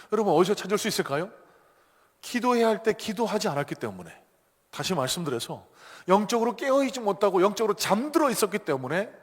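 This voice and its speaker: Male pastor, animated sermon, slightly high voice, reverberant hall. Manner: animated storytelling, rising to emphatic peaks. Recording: echoey church hall.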